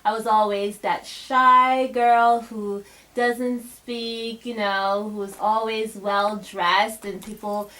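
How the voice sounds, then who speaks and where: A woman's voice: mid-range voice, flat delivery, slow pace, bright, forceful tone, rough recording. A young woman giving a casual motivational talk to a group of girls, chatty, with many fillers and restarts. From Bahamas. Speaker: guest speaker to a girls' group.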